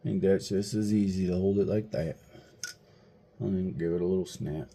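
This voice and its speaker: Deep-voiced man rambling through a build. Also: moderate pace. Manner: rambling, relaxed, searches for words. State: just woke up. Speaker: RC hobby vlogger. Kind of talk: casual build walkthrough.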